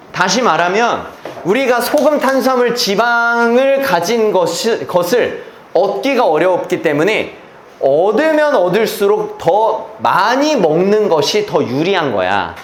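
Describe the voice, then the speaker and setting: A male English teacher speaks in a high voice, with a bit of hiss or hum on the recording. Lecturing on an exam passage, he constantly checks in through rhetorical questions and blunt slang, amid roomy echo and faint ambience.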